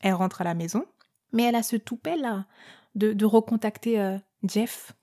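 A young woman hosting a storytelling podcast, telling a story in a lively, chatty way with slang and fillers. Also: mid-range voice, normal speed. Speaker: podcast host.

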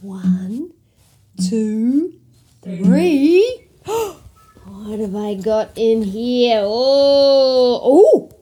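A woman's voice: on the high side, expressive, very slow, dark tone, soft background music. A woman hosting interactive storytelling for young children, theatrical, with gasps and coaxing questions. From New Zealand.

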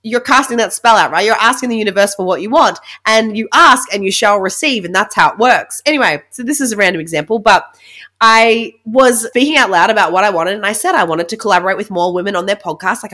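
A woman's voice: mid-range voice, animated, fairly quick, bright, forceful tone. A woman in her thirties hosting a casual solo podcast as a coach, chatty and emphatic, sounding nasal and congested from a blocked nose. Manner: chatty, informal, emphatic with check-in tags like "right?". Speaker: podcast host and money mindset coach.

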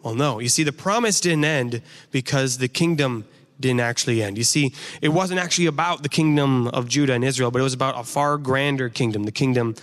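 A man's voice: medium pitch, brisk, fairly bright tone. A man preaching a sermon in a casual, joking, conversational way, acting out the voices he quotes. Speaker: pastor. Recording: long hall reverb.

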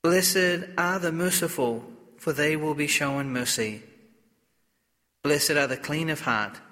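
A man, a priest, reading the Gospel and preaching at a funeral in a slow, measured, solemn way, with a long church echo on his voice. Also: mid-range voice, pushed and bright. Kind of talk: funeral homily. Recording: echoey church, long reverb.

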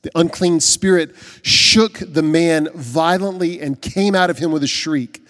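A man's voice: fairly high pitch, long reverb tail. A man preaching a sermon as a pastor, earnest and emphatic, with rhetorical questions.

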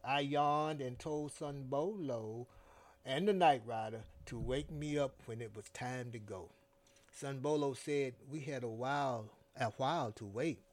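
A man narrating a first-person story in a slow, deliberate storytelling manner. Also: medium pitch.

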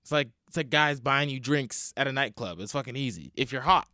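A man's voice: mid-range voice, expressive, fairly quick, sharp tone, no room sound, studio quality. A man chatting casually as a solo comedy podcast host, rambling, self-deprecating and sweary, tired and hungover and talking with a swollen, split lip. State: swollen, bruised upper lip. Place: at home in a basement.

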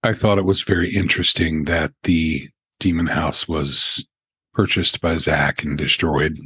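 An older man who hosts a paranormal podcast, telling stories in an unhurried way with asides, in a very deep gravelly voice. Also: steady tone, pushed and bright, dry recording. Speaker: podcast host. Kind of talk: paranormal countdown narration.

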